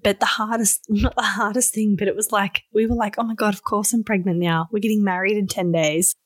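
A young adult woman, telling her own story as a podcast guest in casual chat, acting out quotes with sudden high squeals. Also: steady tone, a little fast, no echo.

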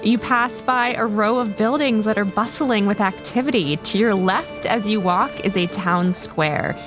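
A woman's voice: medium pitch, unhurried, music in the background. A woman narrating a tabletop game as game master.

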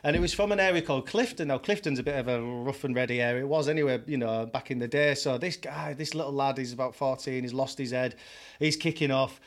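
A man's voice: medium pitch, quick pace. A man, a podcast guest telling his story in a candid, chatty way, often laughing. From York, England. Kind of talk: casual storytelling.

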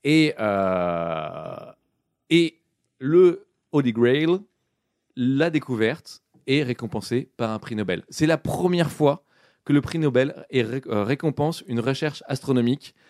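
A man's voice: mid-range voice, measured pace, no echo. Young guy on a podcast, chatty storyteller, lots of euh, dry close sound. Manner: lively storytelling with many fillers. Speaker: podcast host presenting a science story. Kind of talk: casual podcast chat.

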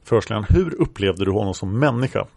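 A calm, formal male police interrogator, read out by a man. His questions are delivered in a procedural, unacted reading with a creaky edge. The sound is dry, with no room. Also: lowish voice, dry recording. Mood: questioning.

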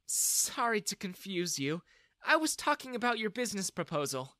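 A man voicing a sympathetic middle-aged mother who speaks gently and apologetically. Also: sits high, sing-song, normal speed, no room sound, pitched above the performer's own voice, full character voice. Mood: gentle.

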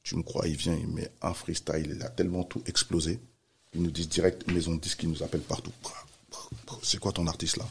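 Brief: male storyteller, very low, rapid, animated, many restarts. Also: gravelly, a little hiss or hum. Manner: animated, acts out quoted voices, many restarts. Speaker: music manager telling a story. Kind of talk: casual storytelling chat.

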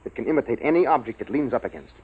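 A man's voice: medium pitch, expressive, rapid-fire, breathy edge. An actor playing an earnest male scientist who explains a deadly danger urgently in a 1950s radio drama. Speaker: scientist on a space base. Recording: tinny old radio broadcast.

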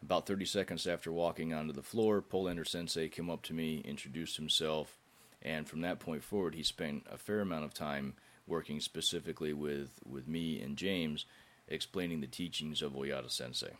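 A man with a cold and sore throat, sounding hoarse and gritty as he narrates a podcast introduction as host. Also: rumbling low, fairly even intonation, normal speed, fairly bright tone.

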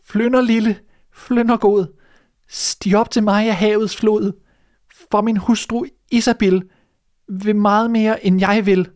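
A man voicing a poor, frightened fisherman in a fairy tale reading, pleading in a strained high voice. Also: fairly even intonation, darkish tone, lightly acted.

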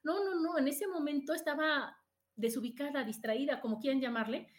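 High-voiced Mexican woman, chatty host. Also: normal speed. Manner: chatty, tags "¿no?" after points. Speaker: podcast host. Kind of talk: casual advice talk to live listeners.

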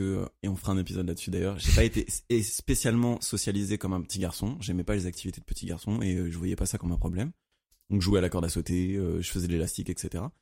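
A man's voice: low voice, warm tone. A man co-hosting a podcast in casual, conversational talk. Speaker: podcast co-host. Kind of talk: casual chat.

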